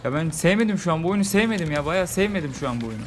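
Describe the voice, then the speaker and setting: A man with a slightly high voice talks through a platform game he is playing, grumbling, joking and repeating his complaints. Faint game music runs under his commentary. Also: animated, very fast. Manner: frustrated, repeats himself, jokey complaints. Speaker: gaming YouTuber. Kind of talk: casual let's-play commentary.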